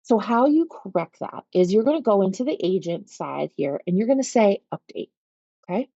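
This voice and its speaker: A woman with a Pittsburgh accent teaching real estate agents, talking them step by step through commission software and checking in with "okay?" as she goes. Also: mid-range voice, animated, moderate pace, vocal fry, no echo. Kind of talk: screen-share software walkthrough. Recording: slightly dull, lo-fi audio.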